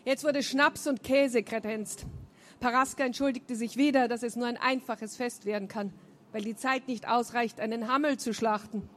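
A woman's voice: on the high side, steady tone, normal speed. Woman author reading her novel aloud.

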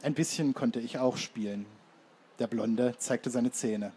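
A man narrating an audiobook in first person with measured, even storytelling. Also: medium pitch, a little hiss or hum.

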